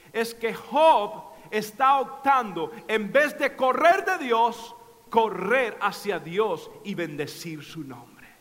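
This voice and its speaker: A male preacher with a very high, sharp and bright voice delivers an impassioned sermon. He moves between hushed, low passages and shouted declarations. His voice rings out with a long hall reverb.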